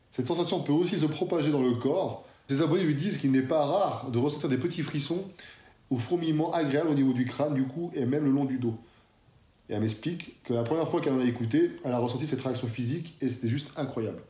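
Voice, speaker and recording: A man's voice: medium pitch, mellow. Laid-back man chatting in an echoey room. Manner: chatty, slangy, addresses viewer as "tu". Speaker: fitness YouTuber. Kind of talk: casual talk to camera.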